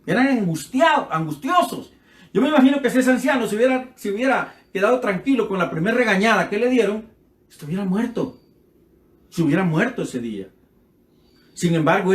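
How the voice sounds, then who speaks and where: An echoey room carries this man's high-pitched voice as he preaches a sermon with passion. His accent is Central American Spanish, and he brings his stories to life by acting out their dialogue.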